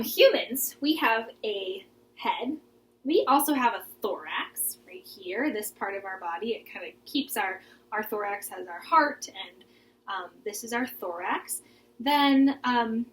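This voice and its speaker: A young adult woman teaches a children's garden class from a home living room, her medium-pitched voice a bit bright on a rough recording. She keeps the lesson simple and instructive and invites the kids to join in.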